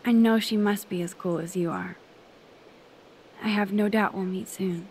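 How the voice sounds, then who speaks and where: An actress voicing a shy, anxious young woman who is a photographer, in a video game, speaking softly and earnestly. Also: mid-range voice, steady tone, normal speed, slight background noise, natural voice. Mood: wistful. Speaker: playable character.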